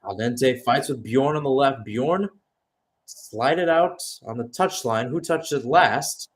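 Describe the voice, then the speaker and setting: Speaking at medium pitch and a measured pace, a man narrates a football game radio-style. His commentary mixes play calls with relaxed, musing observations.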